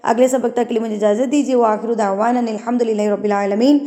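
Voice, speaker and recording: A woman from Pakistan, teaching Quran tajweed: she recites verses slowly and measuredly, then explains the rules in quick talk. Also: fairly high pitch, fairly even intonation, warm tone, big-room sound.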